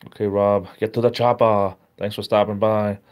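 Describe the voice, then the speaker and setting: Reading his chat aloud on a casual live stream, a tired man in middle age sounds relaxed, talkative and easily impressed. His pitch is on the low side and his pace is moderate.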